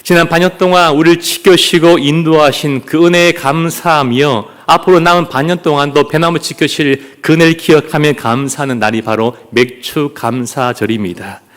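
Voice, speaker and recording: A male pastor preaching at a family worship service, playful and joking with the congregation as he leads them in clapping and greetings. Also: on the high side.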